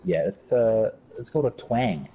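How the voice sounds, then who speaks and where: A man's voice: lowish voice, expressive, normal speed, breathy edge, dull audio. A man with a New Zealand accent chatting in laid-back, joking banter while playing a game. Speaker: gaming streamer. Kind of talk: casual gameplay chat.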